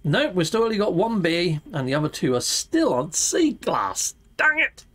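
An exuberant middle-aged gaming YouTuber chats casually on stream, tossing out playful catchphrases. His voice sits high and sounds fairly bright, very animated but at normal speed. He's seated at an indoor home streaming setup.

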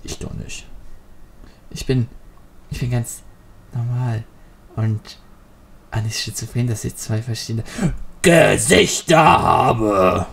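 A man's voice: medium pitch, takes it slowly, creaky, long pauses, a bit bright, husky. A man hosting a Let's Play, commenting on the game with jokey, rambling free association. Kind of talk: joking gameplay commentary.

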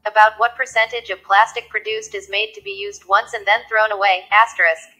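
A computer text-to-speech voice with a female sound, reading text aloud in an even, mechanical way. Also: medium pitch, fairly quick, slightly rough, soft background music, poor audio. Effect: synthetic text-to-speech voice.

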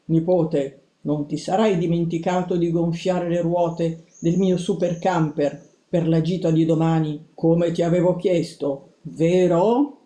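A woman plays a gruff old grandpa mouse from a children's storybook, booming and commanding as he barks his orders. The tone is dark and mellow, and the room adds an audible echo. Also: steady tone, measured pace, close to an everyday voice. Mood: bossy. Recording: roomy echo.

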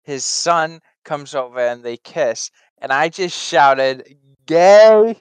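A man's voice: medium pitch, slow, a bit bright, clean tone, no room sound. A man co-hosting a casual group podcast who makes edgy, provocative quips. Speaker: podcast co-host.

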